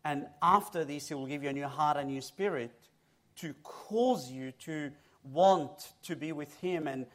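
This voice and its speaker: A man from Egypt, a guest preacher, giving his personal testimony on a church stage into his own mic, telling it with lively, self-mocking humor. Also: fairly high pitch, measured pace.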